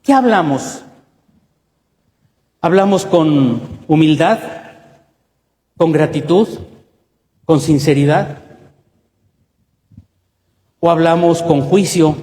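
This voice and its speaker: A man's voice: fairly high pitch, warm tone. A male pastor with a Mexican accent preaching a sermon, emphatic and full of rhetorical questions, in a church. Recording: echoey church hall.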